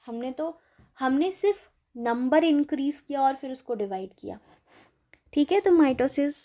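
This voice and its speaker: A woman teacher works through an exam-prep biology lecture at an unhurried pace. Her voice sits a little high yet sounds soft and mellow. She reads English textbook lines slowly and keeps checking in with listeners. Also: animated. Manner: mixes Hindi explanation with slowly read English textbook lines; checks in often with "theek hai".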